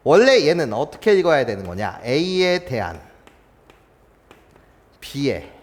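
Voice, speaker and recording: A man's voice: mid-range voice, sing-song, slow, big-room sound. A man tutoring a math class, playful and chuckling, who keeps stopping to ask whether his students follow. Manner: keeps checking in with students, asking if they follow; playful, chuckles between points.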